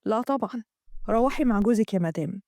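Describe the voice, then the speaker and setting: A woman voicing a scheming young man who pressures his lover, speaking low and coaxingly. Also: animated, fast, darkish tone, no room sound, studio quality.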